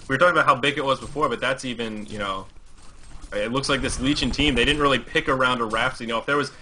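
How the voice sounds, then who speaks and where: Bright, easygoing male game caster. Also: mid-range voice, fast talker, slight background noise. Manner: easygoing, joking, stumbles and restarts. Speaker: esports caster. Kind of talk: live game commentary. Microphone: headset over voice call.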